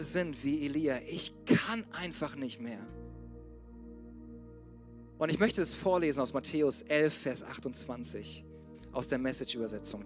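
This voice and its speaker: A man preaching a sermon to a church congregation, swinging from loud urging to soft, hushed passages. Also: medium pitch. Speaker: pastor.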